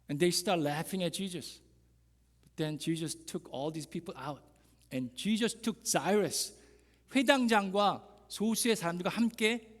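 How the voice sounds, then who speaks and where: Pastor guy preaching slow, emphatic questions to the crowd, echoey sanctuary. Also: high voice. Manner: dramatic storytelling, emphatic questions to the congregation. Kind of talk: sermon. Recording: long reverb of a church hall.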